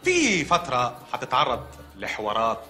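An actor playing a calm, matter-of-fact hospital doctor in a TV comedy sketch, speaking with an Egyptian Arabic accent. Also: male voice, medium pitch, moderate pace, soft background music. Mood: deadpan.

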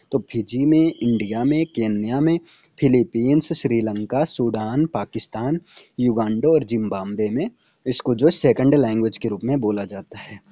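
A man's voice: mid-range voice, mellow, no echo, muffled recording. A man teaching an exam-prep lecture, explaining steadily and checking in with his listeners. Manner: explanatory, checks in with "theek hai" and fillers.

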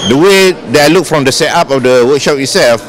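A man in his forties from Malaysia, a company executive answering interview questions earnestly, with many pauses and fillers, into a handheld mic. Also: on the high side, rough recording. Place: busy expo hall, indoors. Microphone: handheld mic held by interviewer. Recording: crowded expo floor noise. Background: crowd chatter.

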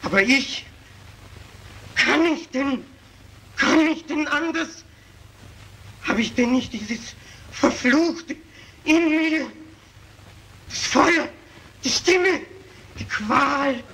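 Brief: a haunted killer pleading for his life; high, slow, breaking into screams, 1930s film sound. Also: sharp tone, full character voice, rough recording. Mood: tormented. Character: tormented, hunted male child murderer. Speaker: accused murderer pleading before a mob. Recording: old film soundtrack with faint hiss.

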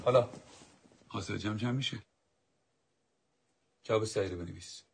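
A man's voice: lowish voice, gravelly, breathy edge, heavily acted. A man playing a stern, authoritarian teacher who drills his class with commanding, dismissive orders. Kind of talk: dubbed drama acting.

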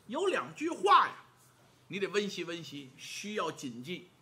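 A man voicing a sly, teasing male scholar in yellow robes who talks in a mocking, knowing way. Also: sits high, wildly swooping pitch, unhurried, voice pushed down, heavily acted. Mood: instructive.

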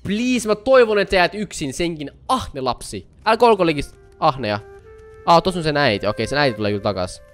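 A young man hosting his channel, giving excited reaction commentary to animations, gasping often and talking straight at the screen. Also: a little high, soft background music. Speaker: YouTuber host.

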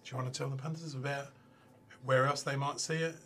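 A man's voice: mid-range voice, steady tone, fast, crowd noise. An Australian man hosting a casual wine show, chatting and joking with his guests. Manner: chatty, jokey banter. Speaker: show host. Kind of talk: casual chat.

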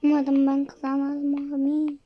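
A woman with a hoarse, worn voice chats to her viewers while playing a game on a tablet. Her voice sits high and her pace is slow and unhurried, with faint noise behind. She keeps breaking off to apologize to her audience. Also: completely flat delivery, muffled recording. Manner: chatty, apologetic asides to viewers. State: hoarse, voice giving out. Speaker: gaming channel host. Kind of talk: casual mobile game commentary. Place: home bedroom. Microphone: tablet microphone.

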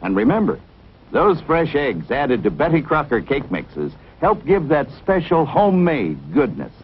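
A man announcing a commercial in a cheery, persuasive sales pitch, heard as old 1950s TV broadcast audio. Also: sing-song, a little slow, a little hiss or hum. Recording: dull lo-fi vintage TV soundtrack.

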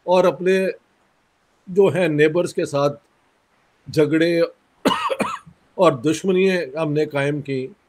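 A man from Pakistan, a guest in an interview, speaking in a measured, critical way with pauses and a sore throat. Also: a little high, wildly swooping pitch. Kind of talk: conversational interview.

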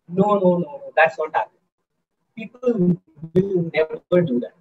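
A man's voice: high voice, measured pace, narrow, tinny audio, faint music behind. A man giving an interactive online lecture to students, upbeat and coaxing, often asking the audience questions. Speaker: guest speaker in a student workshop.

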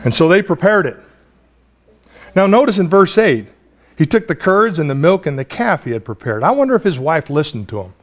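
Preaching in a small church, this man in his forties speaks briskly in a slightly high voice. The pastor keeps things lively and conversational, frequently laughing and starting phrases over.

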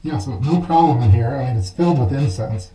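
A man's voice: medium pitch, animated, a little fast, dark tone, husky. A man reviewing gear casually to camera, his voice projected and muffled through a gas mask in a small shower stall. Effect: muffled, speaking through a gas mask. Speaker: product reviewer. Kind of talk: talking to camera during a gear test. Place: small enclosed home shower.

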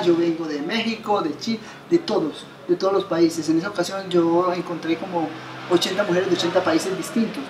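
Against a noisy background, a woman with a fairly low voice tells her story as an interview guest. In her fifties and from Colombia, she founded an association, and she talks earnestly, gesturing, with many restarts and repeated words. She's indoors in a bright living room by a window, recorded with roomy sound.

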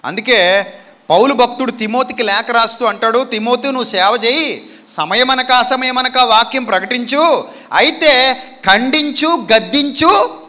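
A man's voice: very high-pitched, normal speed, sharp tone. A man preaching a sermon from a stage into a handheld mic, firing rhetorical questions at the congregation and building to emphatic declarations. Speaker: pastor. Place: church stage.

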